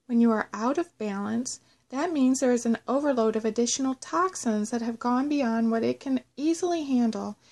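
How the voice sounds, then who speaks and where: A woman narrating a scripted guided meditation in a measured, instructional way. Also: on the high side, darkish tone. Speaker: host of a guided self-love meditation audio.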